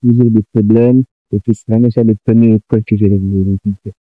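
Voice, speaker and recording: A man's voice: lowish voice, fairly even intonation, moderate pace, dry recording, narrow, tinny audio, soft background music. A young man from Congo, a guest giving his testimony in brief, plain answers. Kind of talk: testimony interview.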